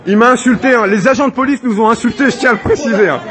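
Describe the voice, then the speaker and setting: A man filming an arrest on his phone outdoors, shouting and pleading, telling the police to let the man go and urging him to stay calm. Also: extremely high pitch, very fast. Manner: pleading, repeats himself, calls out to the police and a crowd. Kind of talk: shouted street protest. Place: outdoors in a city street. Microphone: phone camera held while filming. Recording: amateur phone video with a crowd around. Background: crowd of onlookers.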